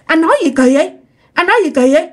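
A woman's voice: mid-range voice, animated, fairly quick, natural voice. A woman voicing an exasperated grandmother who protests and scolds a neighbor.

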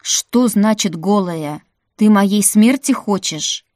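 A woman's voice: medium pitch, slow pace, a little mellow, no echo, clean studio sound, close to an everyday voice. Woman reading as a moody lovesick prince. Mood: growling.

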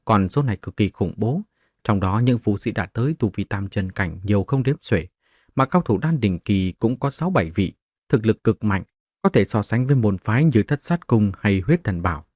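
Man, low voice, steady audiobook narration, dry close sound. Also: moderate pace, no room sound. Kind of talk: scripted audiobook narration of a martial-arts novel.

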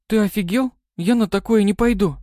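A man's voice: sits high, fairly quick, darkish tone, no echo, clean studio sound, pitched above the performer's own voice, close to an everyday voice. A man reading an audiobook, voicing a cheeky, proud young rich girl in a raised voice. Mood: indignant. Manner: cheeky, bossy.

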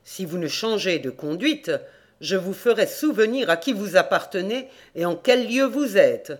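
A man voicing a wrathful, domineering male devil chief in an audiobook folk tale, with loud commanding outbursts. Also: sits high, expressive, normal speed. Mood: threatening.

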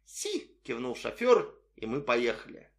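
Male audiobook narrator, expressive storytelling, animated pitch. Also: normal speed. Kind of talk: scripted narration.

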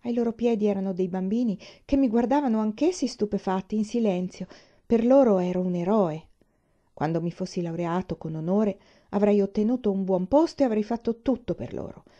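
A woman reading a novel aloud at a steady, measured pace. Her voice is mellow and warm, and the recording is dull and muffled. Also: mid-range voice. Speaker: audiobook reader.

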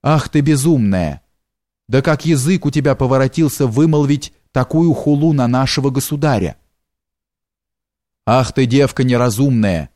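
A man's voice: medium pitch, expressive, moderate pace, dark tone, dry recording, clean studio sound, close to an everyday voice. A man voicing a sly, fawning male steward in an audiobook, with a coaxing, wheedling way of talking. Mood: alarmed.

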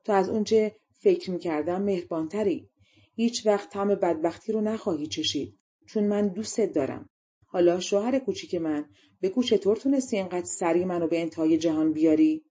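A woman voicing a proud young princess who flatters and schemes, in a storybook reading. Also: on the low side, husky. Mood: wheedling. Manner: haughty, then coaxing and sweet.

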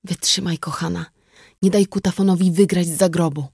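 A tough young woman, calm and blunt under pressure, with a dry streak of humour, read by a woman in an audiobook. Her lines lift a little above the reader's lowish narrating voice. The sound is dry and close. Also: brisk, gravelly, slightly rough, no echo. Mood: wry. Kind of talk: audiobook reading.

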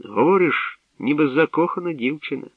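A man's voice: on the high side, animated, moderate pace, no room sound, voice pushed up. A man reading aloud, voicing a blunt, hearty old shepherd and proud father in a storybook tale. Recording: tinny lo-fi radio recording, distant.

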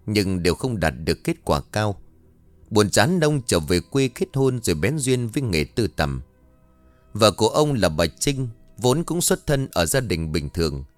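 A man narrating a ghost story in a dramatic, expressive scripted reading. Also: on the low side, no room sound.

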